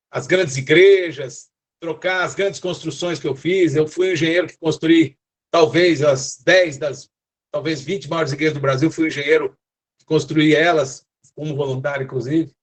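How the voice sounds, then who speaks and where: An older man with a São Paulo accent, preaching earnestly in an online church service over a video call, often tagging his sentences with questions. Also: fairly high pitch. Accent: São Paulo Portuguese. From São Paulo, Brazil. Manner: earnest, exhorting, frequent tag questions. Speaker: apostle, guest preacher.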